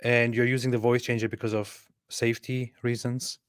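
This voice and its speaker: A man's voice: medium pitch, level tone, moderate pace, smooth, dry recording, studio quality. A man hosting a casual livestream interview, speaking hesitantly and often repeating his questions.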